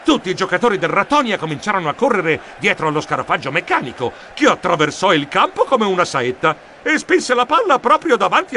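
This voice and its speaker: A man narrating a children's storybook in a lively, expressive manner. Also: sits high, a little hiss or hum. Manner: expressive, animated. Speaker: audiobook narrator.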